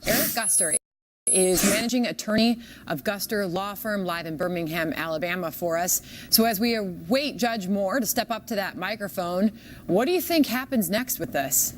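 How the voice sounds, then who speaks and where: A woman's voice: medium pitch, moderate pace. A female news anchor doing a live interview in a mid-range voice. There is faint background noise behind her.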